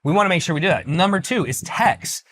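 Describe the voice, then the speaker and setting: A man's voice: sits high, lively intonation, fast, a bit bright. A man teaching sales and business methods in a casual video, talking directly and persuasively and checking in with the listener. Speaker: business coach.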